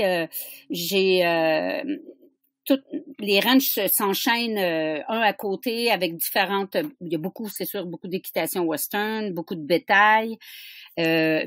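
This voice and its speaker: A woman's voice: mid-range voice, no echo, studio quality. An older woman from Canada with an English accent, speaking French as a guest expert over a remote call, hesitant and searching for words. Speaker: guest, western riding expert. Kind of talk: remote interview. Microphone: remote call audio.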